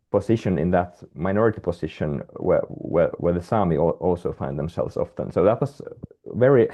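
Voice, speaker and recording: With the high frequencies cut off, the recording captures a deep male voice speaking Finnish in a webinar conversation. He's a guest researcher from Finland on a video call, stumbling through with many restarts and filler words.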